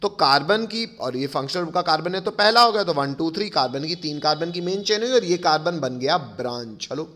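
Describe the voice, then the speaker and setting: A man's voice: a little high, lively intonation, brisk, hardly any pauses, pushed and bright. A man teaching a chemistry lecture, explaining step by step, calling his pupils kids and often checking whether they follow. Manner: addresses pupils affectionately as kids.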